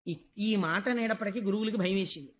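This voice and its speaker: Man telling a devotional story, high pitched, chants verses then explains them in plain talk. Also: fast talker. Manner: addresses listeners as "nanna". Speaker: religious discourse speaker.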